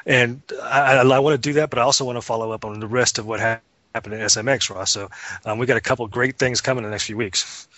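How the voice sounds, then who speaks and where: An eager man co-hosts a casual web radio chat, upbeat and restarting his phrases as he goes. His voice sits at an ordinary middle pitch. The recording is dry with no room sound. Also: steady tone, quick pace, a bit bright, no room sound, lo-fi sound. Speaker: podcast co-host.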